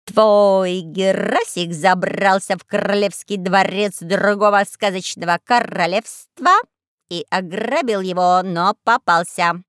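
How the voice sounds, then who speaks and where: A woman reading an audiobook voices a sly old crow, drawling slowly and wheedling as a greedy, self-pitying character. Her natural voice is mid-range and a bit bright, with fairly even intonation. The recording is dry and close, with no echo or room sound.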